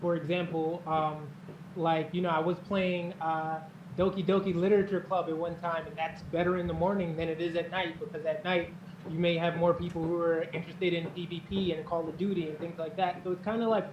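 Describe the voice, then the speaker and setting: A man co-hosting a relaxed streamer talk, chatting casually in a muffled, roomy recording with faint noise. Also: on the high side, a little fast. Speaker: co-host, game streamer. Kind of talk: casual conversational chat.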